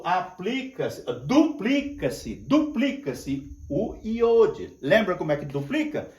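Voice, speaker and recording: Older male teacher, high and lively voice, slow repetitive lecturing; echoey room. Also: distant mic. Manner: slow, repetitive, drawn-out explaining with frequent checks. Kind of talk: classroom lecture at a whiteboard.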